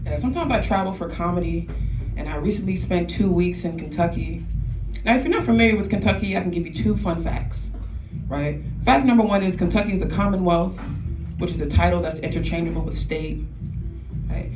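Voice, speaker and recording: A woman in her twenties from New Orleans performs a stand-up set on a comedy club stage, speaking fairly quickly in a lowish voice. She tags her jokes with "right?" and laughs at her own punchlines. The room is echoey and noisy, with a distant mic.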